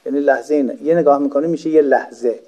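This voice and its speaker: Male religious teacher, lecture delivery, slightly high pitch, slow recited quotes, plain explanations. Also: steady tone, warm tone. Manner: rhetorical questions to listeners. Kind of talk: explanatory lecture on Arabic text.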